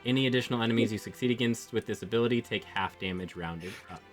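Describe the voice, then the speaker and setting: A man with a lowish voice talks through his character choices for a tabletop game. He is hesitant, says um a lot, and throws in jokes. Music plays clearly underneath. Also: fast. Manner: hesitant, lots of ums, joking. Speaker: player. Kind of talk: casual chat during a game session.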